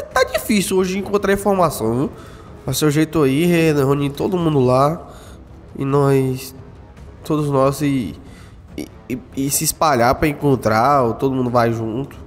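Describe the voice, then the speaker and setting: A man, doing animated game roleplay full of slang and tough-guy banter. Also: medium pitch. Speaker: gamer doing roleplay as a gorilla's son. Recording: reverberant with faint background music.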